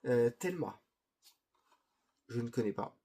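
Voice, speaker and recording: Pitched in the middle and quite expressive, this man's voice is mellow with a breathy edge, and he speaks slowly. He's a middle-aged host presenting his Blu-ray films in an easygoing chat that stumbles along with fillers and restarts.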